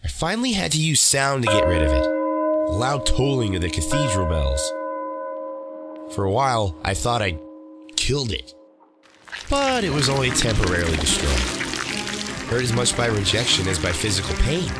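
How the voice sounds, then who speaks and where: A man's voice: on the low side, big pitch swings, normal speed, long pauses. A man playing an earnest, troubled secret superhero in a motion comic, speaking reflectively. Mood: guilty, reflective. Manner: reflective, guilt-ridden narration. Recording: loud music over the voice.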